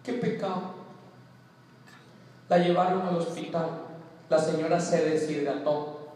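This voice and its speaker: A man's voice: on the high side, fairly even intonation, measured pace, darkish tone, a little hiss or hum. A man preaching a sermon to a congregation, emphatic and repeating his key phrases, telling a parable along the way. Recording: echoey hall from far off with a congregation. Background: congregation answering.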